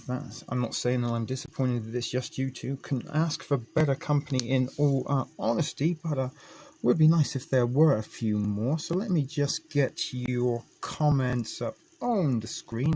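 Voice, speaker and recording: A man's voice: mid-range voice, measured pace, mellow, a little hiss or hum. A man hosting a live stream, chatting casually in a hesitant, rambling way. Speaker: host of a live online show.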